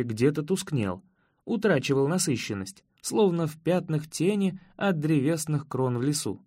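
A man reading a first-person story as an audiobook narrator, in measured, evenly paced storytelling. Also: fairly high pitch, a little mellow, no echo, studio quality.

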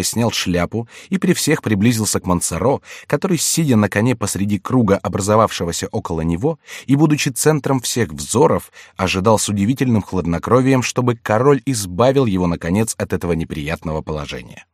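Man, low voice, audiobook narrator, measured reading, dry studio sound. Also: very animated, dry recording. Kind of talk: audiobook reading of a classic novel.

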